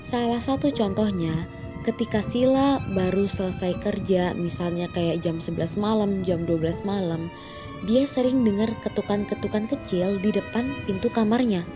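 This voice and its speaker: A woman's voice: medium pitch, normal speed. A woman with a speech impediment on her R sounds tells horror stories as a chatty channel host, mixing in English words. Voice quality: cannot roll her R sounds, a lisp-like R. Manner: chatty, addresses listeners as guys, English words mixed in. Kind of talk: casual scripted-feel horror storytelling. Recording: voice over background music. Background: music.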